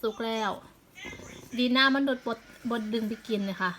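A woman's voice: fairly high pitch, moderate pace, fairly bright tone, a little hiss or hum, poor audio. A woman with an Isan Thai accent chatting in a casual home vlog, explaining plant care step by step. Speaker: vlogger.

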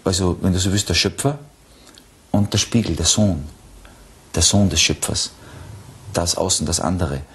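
This is a man with a somewhat low voice, heard on a recording that is played back during a talk. He explains ideas step by step and poses questions to his listener. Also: moderate pace, long pauses, a bit bright, slight background noise.

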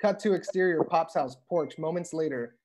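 Reading scripted stage directions for a comedy table read, a man in his thirties talks at a moderate pace in a voice on the high side and a little mellow. He's on a video call using wired earphones.

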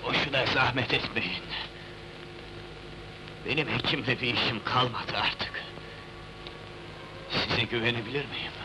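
An actor playing a solemn, noble rebel speaking gravely to his comrades in an old Turkish historical film. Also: mid-range voice, unhurried, pauses often, natural voice. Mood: weary, grave. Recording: noisy old film soundtrack.

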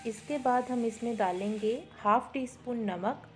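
A woman with a higher voice and measured pace narrates a step-by-step recipe tutorial as a cooking show host, mixing in English words. There's a little hiss or hum in the recording.

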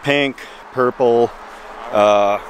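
Speaking extremely slowly at a medium pitch, a forties-aged man vlogs about camping in a damp forest, chatting and poking fun at himself while thinking out loud. The camera mic is handheld close at times and films from a distance at others, and the low-quality outdoor recording carries clear background noise.

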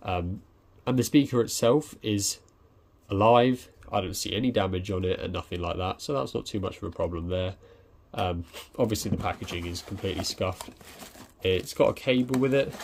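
Seated indoors at his desk, a young tech reviewer casually talks through an unboxing in a low voice, hesitating with lots of ums and restarts. The background is noisy.

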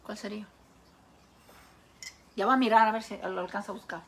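A woman's voice: medium pitch, steady tone, fairly quick. A Mexican woman hosting a live cooking show, chatting casually with viewers and telling folksy jokes with a laugh.

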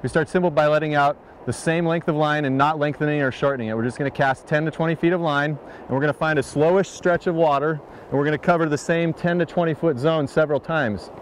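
A man narrating a fly fishing lesson in a calm, explanatory manner. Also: on the high side, quick pace, a little hiss or hum. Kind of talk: instructional voice-over narration.

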